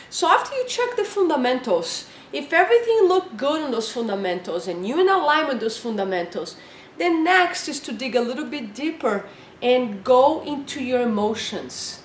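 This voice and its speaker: A woman's voice: mid-range voice, roomy sound, slight background noise. A woman life coach giving earnest, encouraging advice, asking her listeners one question after another. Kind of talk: coaching talk to camera.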